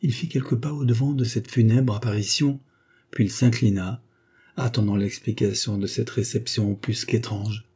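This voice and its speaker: A man narrating a classic novel as an audiobook in a measured, dramatic delivery. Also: mid-range voice, fairly even intonation, mellow, slightly rough.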